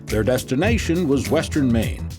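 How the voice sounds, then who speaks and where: Male narrator with lively intonation over music. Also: medium pitch, normal speed. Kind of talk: scripted documentary narration. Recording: prominent music under narration.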